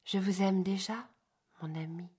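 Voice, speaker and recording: A man voicing a shy, timid young bride in a soft, breathy half-whisper, reading a storybook aloud. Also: high voice, fairly even intonation, unhurried, pitched above the performer's own voice.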